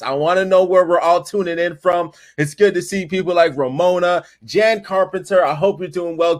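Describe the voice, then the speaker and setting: A man hosting a livestream webinar in an energetic, hyped way, calling out viewers by name. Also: high-pitched. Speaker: webinar host.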